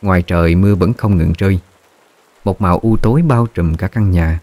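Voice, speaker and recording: A man narrating a scripted ghost story in a slow, measured way. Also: low-pitched, a little mellow, dry recording.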